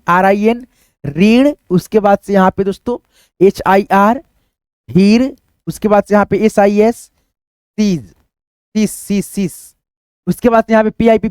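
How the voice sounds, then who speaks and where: A man's voice: high-pitched, darkish tone, dry recording, clean studio sound. A man teaching English phonics, spelling out words letter by letter and repeating each reading patiently for viewers. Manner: patient, repetitive. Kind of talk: spoken phonics lesson at a board.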